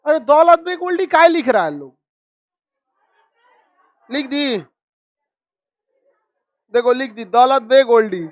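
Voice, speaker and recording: Male teacher, very high voice, dry sound; scolds the class and fires drill questions. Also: expressive, no room sound, dull audio. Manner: scolding, calls students donkeys; rapid drilling questions, repeats answers. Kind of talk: classroom map lesson.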